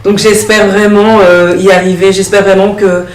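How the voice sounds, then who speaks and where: Young woman, earnest and halting. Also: medium pitch, level tone. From Belgium. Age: young adult. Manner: earnest, hesitant, many fillers. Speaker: election candidate. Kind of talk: studio talk show interview. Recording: echoey studio, distant mic.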